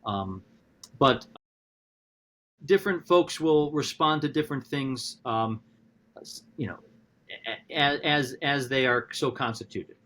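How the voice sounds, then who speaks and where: A male philosophy professor speaks in a podcast conversation at a middle pitch, animated and thinking out loud. His sentences break and restart as he works toward the point. Now and then he jumps up in pitch for a quoted line. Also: takes it slowly, pauses often. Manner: animated, talks through ideas with frequent restarts; acts out quotes with sudden high-pitched voices.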